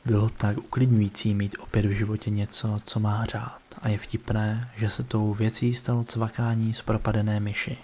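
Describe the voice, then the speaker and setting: Male horror narrator, deep-ish and monotone, brooding scripted read. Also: hardly any pauses, slight background noise. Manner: low, flat, brooding delivery.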